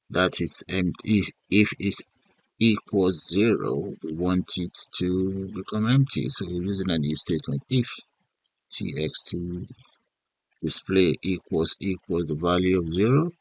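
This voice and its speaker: A deep-voiced man walks through a programming tutorial. He speaks slowly and thinks aloud in short fragments, with a husky edge to his voice. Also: dry recording. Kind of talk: unscripted step-by-step screen tutorial narration.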